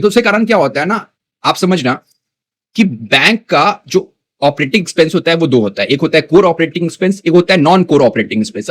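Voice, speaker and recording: A man explaining bank stock analysis to viewers in a casual teaching style, dropping finance terms into his talk and often checking that viewers follow. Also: a little high. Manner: conversational teaching, mixing English terms, frequent "ठीक है ना" check-ins. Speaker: stock market educator.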